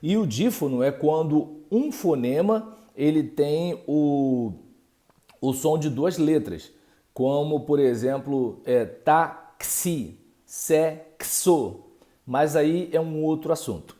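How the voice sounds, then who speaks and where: A man teaching a grammar lesson, speaking haltingly with many fillers and checks, and sounding out syllables and letters. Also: a little high, mellow. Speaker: Portuguese language teacher.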